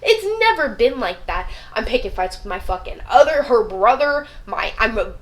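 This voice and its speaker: A woman's voice: a little high, moderate pace, poor audio. Profane, fired-up young woman vlogger. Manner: profane, animated, rants. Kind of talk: casual storytelling vlog.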